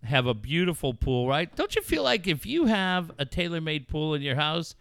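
Animated, swearing man on talk radio. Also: a little high, moderate pace, creaky, smooth, dry recording, studio quality. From Southern California. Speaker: radio show host. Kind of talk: casual profane talk radio chat.

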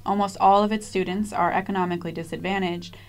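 A woman field reporter reading a measured, descriptive scripted news narration. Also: medium pitch, steady tone.

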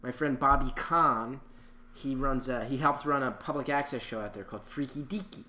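A man's voice: mid-range voice, moderate pace, bright, forceful tone. A man co-hosting a podcast, chatting casually and enthusiastically, drifting off on tangents. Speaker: podcast co-host. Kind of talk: casual chat.

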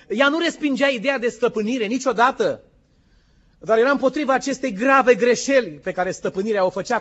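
A man's voice: extremely high pitch, a bit bright. A man preaching a sermon as pastor, impassioned and quizzing his congregation. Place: church in the United States. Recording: dull lo-fi recording.

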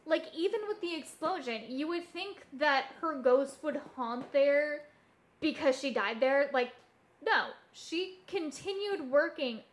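A woman with a high-pitched voice co-hosts a casual chat about hauntings. She takes her time as she tells stories, informal and a little hesitant as she thinks aloud. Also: lively intonation, unhurried. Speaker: podcast co-host.

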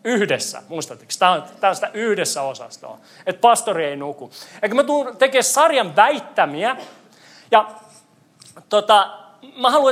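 Lively high-voiced man preaching playfully. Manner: playful, quizzes the congregation. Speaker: pastor. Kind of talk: interactive sermon. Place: church hall.

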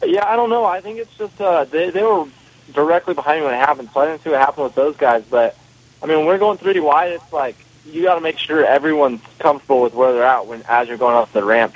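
A racing driver, a man, giving a matter-of-fact phone-in interview, his voice heard over a phone line. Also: medium pitch. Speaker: off-road racer calling in as guest.

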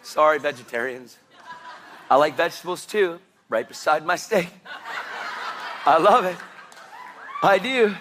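A man preaching a sermon, animated and impassioned, with sudden loud bursts. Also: a little high, measured pace, pauses often, a little hiss or hum.

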